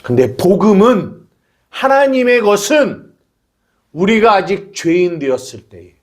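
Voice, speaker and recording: A man's voice: high-pitched, sing-song, unhurried. A male pastor preaching a sermon, acting out prayers and imagined dialogue as he explains his point.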